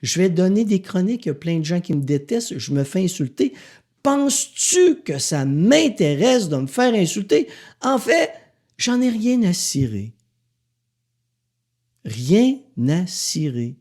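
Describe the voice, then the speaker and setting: A Québécois man gives a motivational podcast monologue in a blunt, sarcastic, profane way. His voice sits a little high and leaps around in pitch. He talks straight to the listener as if to a friend. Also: very animated, normal speed, darkish tone. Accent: Québécois French. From Quebec. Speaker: podcast host.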